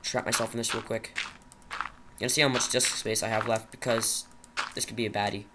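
A nervous, shaky young man who hosts a gaming channel rambles to himself while commentating a Minecraft survival game. His fairly low voice is level in tone and brisk, though his manner is jittery, and heavy background noise fills the clip.

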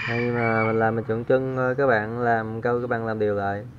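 Man, flat tone. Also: mid-range voice, normal speed, highs cut off, background noise. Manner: relaxed, counting aloud while working. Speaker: fishing channel host. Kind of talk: casual hands-on tutorial.

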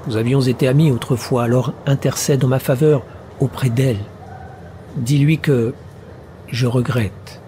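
A desperate, ruined middle-aged man, voiced by a male narrator in an audiobook. He presses his old friend with urgent, remorseful insistence. The voice is mellow and warm. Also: medium pitch, steady tone, unhurried, slight background noise, lightly acted.

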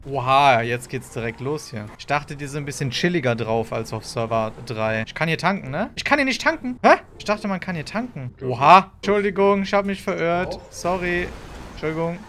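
A man calls out his gameplay with quick exclamations and sudden loud shouts of surprise. His voice sits rather high. Steady game noise and clicking run underneath. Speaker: streamer playing a police officer in role-play. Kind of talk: excited gameplay commentary.

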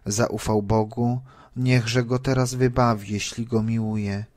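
A man reading the taunts of a scornful crowd, loud and jeering. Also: mid-range voice, flat delivery, slow, no echo, clean studio sound, natural voice. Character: mocking crowd of men, scornful.

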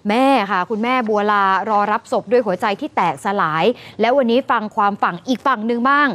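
Woman anchor telling a crime story, quick and high, punchy delivery. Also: a bit bright. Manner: brisk, emphatic storytelling to viewers. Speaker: news anchor. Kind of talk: news commentary.

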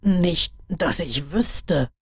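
A woman reading the lines of a tired, thoughtful young male wizard in a lowered, measured voice. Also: breathy edge, dry recording, studio quality. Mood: subdued.

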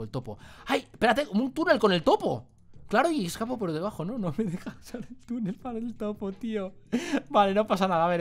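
Excitable Spanish man voicing his own game playthrough, jokey, with faint music under him. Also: high-pitched. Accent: Spain Spanish. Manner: jokey, exclaiming, muttering to himself while playing. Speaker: gaming youtuber. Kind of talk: excited gameplay commentary.

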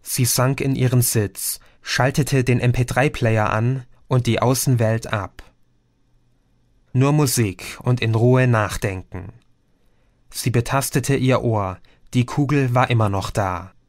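A man reading an audiobook in measured, even storytelling. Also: medium pitch, no room sound, clean studio sound. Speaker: audiobook narrator. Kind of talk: scripted narration.

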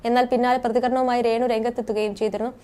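A young adult woman reading a scripted entertainment news voice-over in a brisk, steady manner. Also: fairly high pitch, clean tone. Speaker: news narrator.

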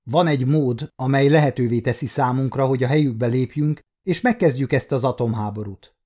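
A man voicing a grave, troubled alien chief supervisor who speaks in a measured, formal way, in a storybook reading. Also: mid-range voice, dark tone, lightly acted.

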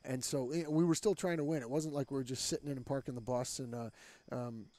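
Talking fast with fairly even intonation, a middle-aged head soccer coach offers a candid postgame interview, conversational and filler-heavy. His mellow, medium-pitched voice comes through a headset mic in a small green-backdrop studio, recorded dry.

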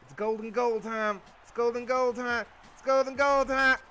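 A man giving casual, excited commentary while playing a video game, playful and silly, often bursting into yells. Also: very high-pitched, normal speed, soft background music. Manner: playful silly sound-making and chanting.

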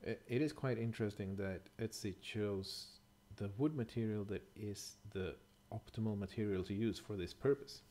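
Here a middle-aged man presenting bushcraft speaks at normal speed with hardly any pauses, his fairly low voice mellow throughout. His casual voice-over explains things thoughtfully but with a little hesitancy, marked by fillers and self-corrections.

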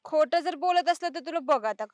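Very high-pitched, bossy village woman. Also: lively intonation, no echo, studio quality. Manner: scolding, bossy and quick to question. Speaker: comedy sketch actor. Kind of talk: rural comedy skit dialogue.

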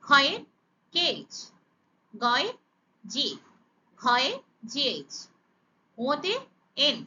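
A woman teaches pronunciation in a high, bright voice. She spells out sounds one at a time, slow and emphatic. The recording is slightly muffled and lo-fi. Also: sing-song, a little hiss or hum. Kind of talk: slow, deliberate pronunciation lesson.

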